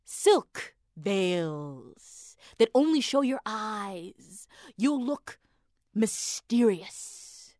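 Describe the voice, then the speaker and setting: Brief: woman playing a sly, bossy husband in a spoken folk tale, lively up-and-down delivery, dry close sound. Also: mid-range voice, normal speed, dry recording. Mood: wheedling. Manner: scornful, then wheedling and persuasive.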